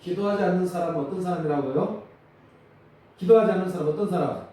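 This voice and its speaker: A male pastor with a Jeolla accent preaching a sermon, animated and calling out questions to his congregation. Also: high-pitched, fast. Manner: animated, calls for congregation responses. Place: church sanctuary. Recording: distant mic in echoey church hall.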